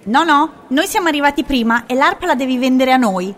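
Man doing a shrill, haughty shrieking woman. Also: lively intonation, fairly quick, fairly bright tone. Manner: screeching and imperious.

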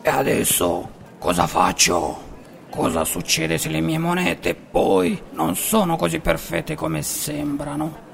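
A man voicing an honest, anxious old grandfather craftsman with a creaky voice in a storybook. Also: a little high, unhurried, long reverb tail, voice pushed up. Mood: fretful. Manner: fretful and pleading.

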